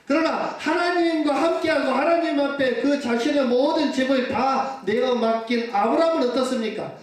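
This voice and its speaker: A man's voice: very high voice, moderate pace. A male pastor preaching a sermon. He questions his congregation and answers himself, and urges them to say amen. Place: church sanctuary. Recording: echoey church hall from far off.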